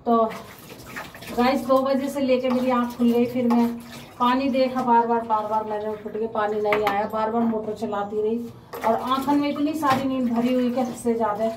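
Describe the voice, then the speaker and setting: A woman's voice: a little high, little pitch movement, normal speed, distant mic, background noise. Chatty woman vlogging at home, echoey. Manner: chatty, often addresses viewers as guys. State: mouth ulcers, speaking slowly. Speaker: family vlogger. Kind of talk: casual home vlog chat.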